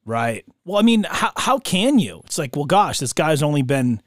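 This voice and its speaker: A man's voice: a little high, sing-song, moderate pace, no echo, studio quality. A man chatting casually about sports as a podcast co-host, with slangy bro talk.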